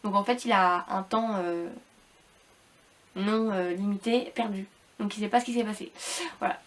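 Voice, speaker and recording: A woman's voice: mid-range voice, fairly even intonation, moderate pace. A woman giving a casual, rambling book review to viewers, hesitant and repetitive, with informal slangy wording and slightly robotic, unclear speech because she is ill. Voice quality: slightly robotic, hard-to-understand speech from illness.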